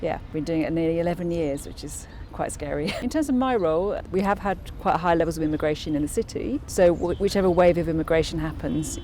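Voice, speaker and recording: A woman's voice: sits low, dark tone, a little hiss or hum. A woman, a local councillor answering interview questions thoughtfully, with many restarts and fillers.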